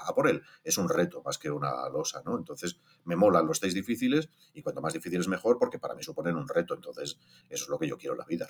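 Guy with a really low husky voice, chatty voice actor, swears casually and gets animated. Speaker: voice actor guest. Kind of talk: casual interview chat.

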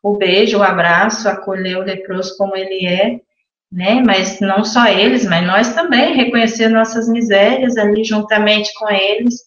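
A woman's voice: mid-range voice, fairly even intonation, normal speed, fairly bright tone. A woman, a nun as an interview guest, speaking reflectively with frequent fillers. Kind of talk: radio interview answer. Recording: echoey, slightly muffled room.

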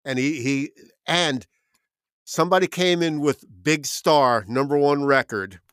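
A man's voice: a little high, unhurried, fairly bright tone, clear, resonant tone, no echo, studio quality. A man with a New Jersey accent, co-hosting a music show and telling stories in casual, rambling chat while reeling off long lists. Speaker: podcast co-host.

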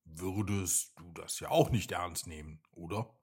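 A man's voice: low-pitched, husky, pitched below the performer's own voice, exaggerated voice. A man voicing a cheerful, wise old male fox who gives advice in a bedtime story reading. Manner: warm-hearted, advising, unhurried.

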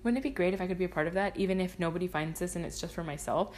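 A Spanish-speaking woman in her twenties hosts a solo podcast, rambling in a self-deprecating way, swearing freely and wandering into tangents. Her voice is low and darkish, with fairly even intonation and rapid-fire delivery over slight background noise.

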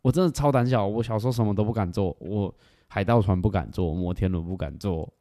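A man chats fast and frankly on a podcast, with a mellow, dark tone at a mid pitch. He drops casual swears and laughs at himself as he talks. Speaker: podcast co-host.

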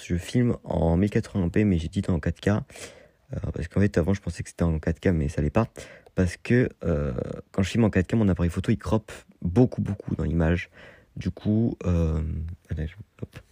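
Low, dark-voiced man hosting a podcast. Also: no echo, studio quality. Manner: hesitant, many fillers and restarts. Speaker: podcast host. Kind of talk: casual solo podcast talk.

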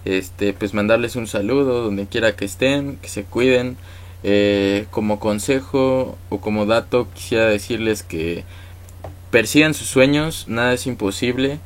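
Easygoing Mexican man, low-pitched. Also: a little slow. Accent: Mexican Spanish. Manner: easygoing, thankful, rambling with many fillers. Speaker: musician guest. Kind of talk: casual interview chat.

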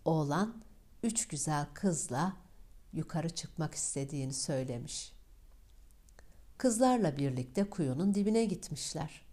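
A woman tells a fairy tale in a calm, measured storytelling voice. Her tone is low and mellow, and she takes her time with every phrase.

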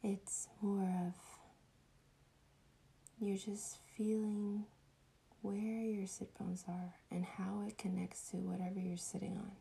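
A woman guides a meditation in a hushed, breathy near-whisper, the soothing sort heard in a spa. Her tone is very dark and relaxed, with little movement in pitch. She speaks slowly and leaves long, restful pauses between instructions. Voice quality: soft, breathy, often whispery voice.

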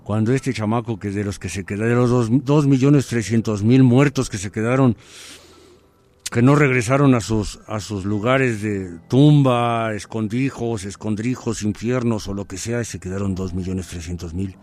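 A man's voice: fairly low pitch, moderate pace, darkish tone. A man with a Mexican accent, a podcast host telling a spooky story live in a slangy, playful, digressive way.

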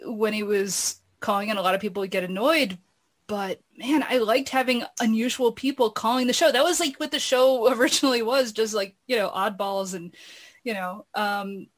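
A woman's voice: medium pitch, moderate pace. A woman chatting casually and discursively, often padding her thoughts with "you know". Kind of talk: casual chat.

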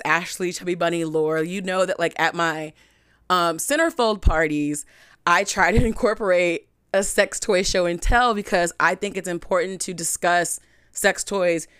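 A young woman hosting a podcast, telling a candid personal story in a frank, chatty way, full of "like" and animated swings in pitch. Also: a little slow, smooth, no echo, clean studio sound. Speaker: podcast host.

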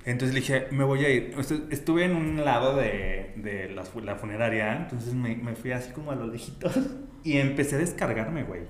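A man's voice: mid-range voice, lively intonation, moderate pace, slight background noise. A man with a Mexican accent, telling personal stories as an interview guest in casual, slang-filled chat. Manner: slangy storyteller, peppers speech with güey. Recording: roomy echo, faint ambience.

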